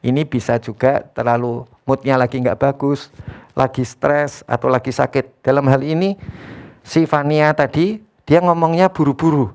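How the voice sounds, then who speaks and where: A pastor giving an online sermon in a relaxed, conversational way, who keeps addressing the listeners as brothers and sisters and closes short phrases with a questioning "ya". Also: medium pitch, normal speed.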